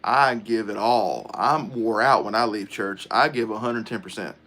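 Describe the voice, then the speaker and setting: A middle-aged man hosts a relaxed livestream chat. He talks in a casual, rambling way and answers viewer comments aloud as they come in. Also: lowish voice, moderate pace. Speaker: livestream host.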